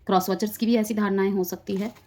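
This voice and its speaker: A woman's voice: mid-range voice, fairly even intonation, fast talker, mellow. A woman giving a collective tarot reading, explaining the cards straight to her viewers and mixing in English words. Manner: explanatory, addresses viewers directly, drifts between Hindi and English. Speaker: tarot reader.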